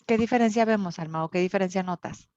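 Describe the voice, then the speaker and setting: A woman's voice: medium pitch, fast talker, a little mellow, dry recording. A woman teacher from northern Mexico with a Monterrey accent, lecturing an online class and explaining with many fillers and tag questions. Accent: Monterrey Mexican Spanish. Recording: dull, lo-fi recording.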